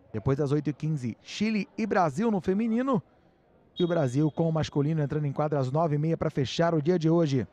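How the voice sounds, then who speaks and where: A man's voice: a little high, darkish tone. A Brazilian man working as a sports commentator, calling live play-by-play in short, clipped phrases.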